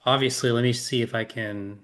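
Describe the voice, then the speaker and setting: A man's voice: mid-range voice, fairly even intonation, a little fast, a bit bright. A man playing a tabletop role-playing game, thinking aloud about strategy in casual talk. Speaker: player.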